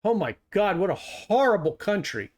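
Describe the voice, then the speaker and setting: A middle-aged man hosts a reaction video with a notably high voice. He fires back at clips in a sarcastic, heated tone, mocking as he argues. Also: big pitch swings, moderate pace, darkish tone. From United States. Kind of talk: reaction commentary.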